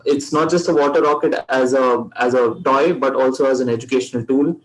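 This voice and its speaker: A man with an Indian accent giving a company presentation, haltingly searching for his words. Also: mid-range voice, poor audio. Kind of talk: slide presentation.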